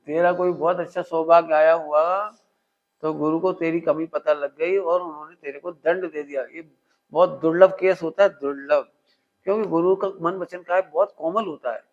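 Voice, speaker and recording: A high-voiced man, a religious teacher, gives a spiritual discourse to an audience at normal speed, animated and full of household examples. He keeps pausing to quiz listeners with call-and-response questions, having them repeat the point back, and the recording sounds dull and lo-fi.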